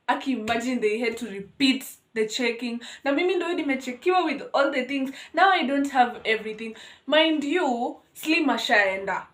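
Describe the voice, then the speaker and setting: A young woman with a Kenyan accent telling a school story on her vlog in an animated, dramatic way. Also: on the high side, reverberant. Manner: animated, dramatic, code-switching. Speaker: vlogger.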